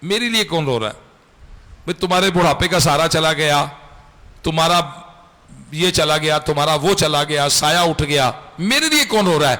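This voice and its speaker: A man's voice: on the high side, animated, moderate pace, bright, forceful tone, long reverb tail. A man voicing a dying man who asks his weeping family who is crying for him. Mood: anguished.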